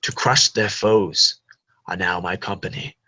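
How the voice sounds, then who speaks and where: Brooding armored villain lord in verse, read aloud by a man; husky, drawn-out delivery. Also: sits low, steady tone, sharp tone, exaggerated voice. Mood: solemn menacing. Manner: slow solemn declaiming, drops into whispers. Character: dark armored male lord, menacing and brooding. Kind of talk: live Shakespearean verse reading.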